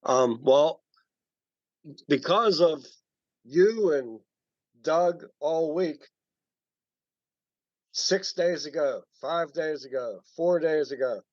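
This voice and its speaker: A man speaking over a conference call from his cell phone, halting and repeating words as he explains a woodturning project. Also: fairly high pitch, lively intonation, dry recording. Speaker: woodturning club member showing his work. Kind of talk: casual chat on a group call. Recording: dull dry phone-call audio.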